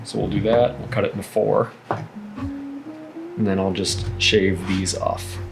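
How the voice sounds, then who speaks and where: A man's voice: fairly low pitch, steady tone, takes it slowly, creaky, over music. A man casually narrating his cooking at home, rambling in a laid-back, profane way. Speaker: host of a cooking vlog. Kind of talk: casual chat while cooking, narrating each step. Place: home kitchen.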